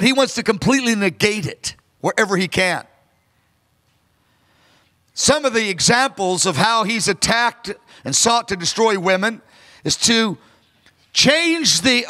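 A pastor in his fifties preaches earnestly and emphatically from a large church stage, holding a handheld microphone. His voice is very high-pitched with a sharp tone, and the large hall adds a long reverb.

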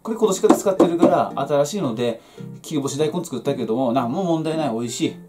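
Quick and lively, with a voice on the high side, a folksy man explains vegetable growing at home while working with his hands. This casual how-to chat happens in a small, cluttered indoor workroom or shed, accompanied by plucked guitar.

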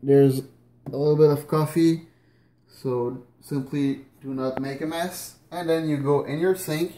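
A man in his thirties talks through a casual how-to demo in his home kitchen at night, his voice on the high side, steady and warm, at a measured pace. He's chatty but hesitant, full of fillers and restarts, and moves around as he works. A camera on the counter picks him up from a distance, so the kitchen sounds echoey with faint room noise.

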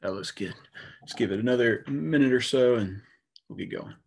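Husky, creaky-voiced male session moderator. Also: medium pitch, normal speed. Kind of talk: casual, unscripted hosting. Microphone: earphone headset on a video call.

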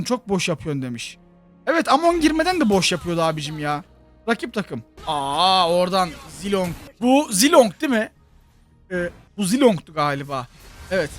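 Host of a gaming channel: a high-pitched man with a Turkish accent, chatty and excitable, with faint music behind him. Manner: excitable, chatty, bursts into loud shouts. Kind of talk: mobile game commentary.

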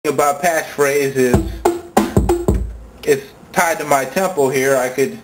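Over a backdrop of sampler sounds, music loops and instruments, a tutorial presenter talks slowly in a medium-pitched voice. He walks through music gear hands-on in a casual, slangy way, and the recording is rough.

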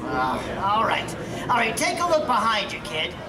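A woman's voice: mid-range voice, wildly swooping pitch, far from the mic. A woman playing a coaxing stage handler. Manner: coaxing, brisk, motherly. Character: encouraging female stage handler. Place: large exhibit hall, played over speakers. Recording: echoey hall heard from afar with crowd.

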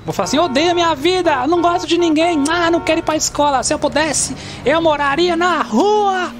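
A man's voice: extremely high pitch, a little fast, pitched above the performer's own voice. Man playing a moody teen boy, Brazilian Portuguese accent, whiny, complaining, noisy game sounds behind. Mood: sulky. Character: sulky, moody teenage boy who hates everything.

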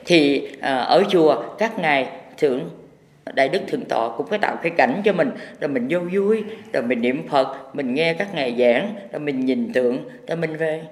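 A man's voice: a little high, animated, normal speed. A man, a Buddhist teacher giving a folksy, rambling impromptu sermon. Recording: echoey hall with long reverb.

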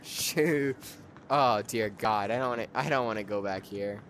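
A young man giving casual commentary while playing a game with a friend, jumpy, swinging from hushed mutters to shrieking laughter. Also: lowish voice, unhurried, a little hiss or hum.

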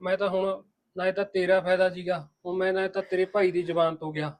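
In a village family drama, an actor plays an older, protective father-in-law who reassuringly comforts his daughter-in-law and scolds his son. His natural voice sits high, with a flat delivery and a quick pace.

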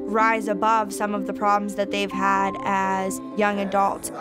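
A woman's voice: mid-range voice, monotone, measured pace. A woman on a support program's staff, speaking in a composed, informative way in a documentary interview. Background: music score.

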